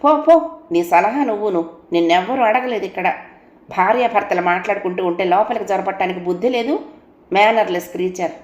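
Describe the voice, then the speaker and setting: A woman's voice: on the low side, fairly quick, darkish tone, echoey room, highs cut off, lightly acted. A woman voicing a proud young wife who answers her husband in a cutting, stern way.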